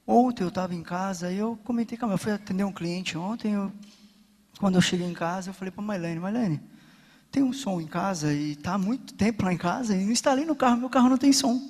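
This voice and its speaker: A man's voice: high-pitched, fast. A man telling a personal testimony before a church congregation, earnest and intimate, growing fervent as he goes. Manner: earnest storytelling, quietly intimate at first, then building with fervor. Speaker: church member giving a testimony. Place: church sanctuary. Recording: echoey church hall.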